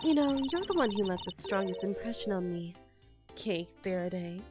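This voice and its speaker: A woman's voice: mid-range voice, lively intonation, normal speed, over music, close to an everyday voice. A woman voicing a cunning, unhinged female villain and unmasked spy in a video game, gloating as she speaks. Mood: smug.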